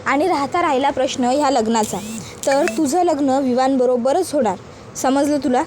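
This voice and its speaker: A woman's voice: high-pitched, normal speed, darkish tone, a little hiss or hum, natural voice. A woman voicing a stern middle-aged father who scolds and commands his daughter. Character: stern middle-aged father, strict about family honour.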